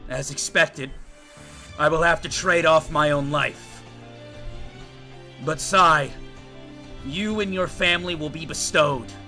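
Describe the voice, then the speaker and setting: A man voicing a solemn spirit king who speaks in a grave, measured way. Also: on the high side, bright, forceful tone, full character voice. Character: solemn dying spirit king granting a wish.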